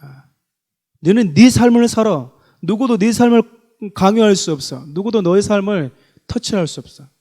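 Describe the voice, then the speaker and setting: A man's voice: high-pitched, expressive, moderate pace, dark tone. A man voicing a smug devil who coaxes and needles people with rhetorical questions, in a sermon. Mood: coaxing. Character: tempting devil whispering to humans, smug and coaxing.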